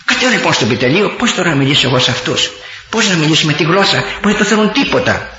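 An older man from Greece, a priest and former army chaplain, preaching with impassioned storytelling that rises to near-shouts. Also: fairly high pitch, big pitch swings, slight background noise. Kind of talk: storytelling sermon. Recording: echoey, dull lo-fi room recording.

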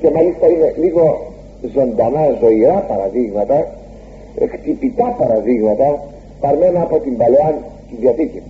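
Guy preaching a sermon, pitch jumps way up on the big words, tinny lo-fi recording w faint hum. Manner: animated, swooping pitch on emphasis.

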